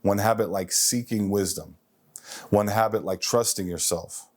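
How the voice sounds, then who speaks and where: On his self-improvement show, a forty-year-old man speaks emphatically through a motivational monologue, repeating phrases for effect. His voice is on the low side, a little slow, and a little mellow.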